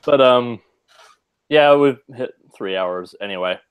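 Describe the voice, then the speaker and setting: A man's voice: mid-range voice, expressive, takes it slowly, clear, resonant tone, narrow, tinny audio. Dry-witted man on a video call. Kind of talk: casual chat on a video call.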